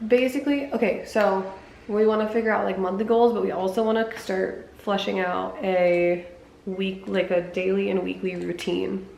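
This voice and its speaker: A young woman chatting casually in a home vlog, her hoarse voice cutting in and out, rambling with lots of fillers. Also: medium pitch, steady tone, moderate pace, a little mellow, a little hiss or hum, rough recording. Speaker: vlogger.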